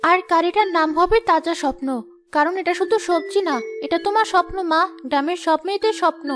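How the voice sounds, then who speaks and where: A woman's voice: very high-pitched, quick pace. A woman voicing a resourceful, hopeful village daughter who talks earnestly and encouragingly, over background music.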